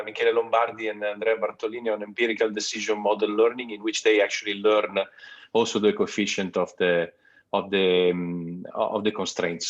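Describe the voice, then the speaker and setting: Low-voiced professor on dull call audio. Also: male voice. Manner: halting, searching for words. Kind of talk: academic talk on a video call.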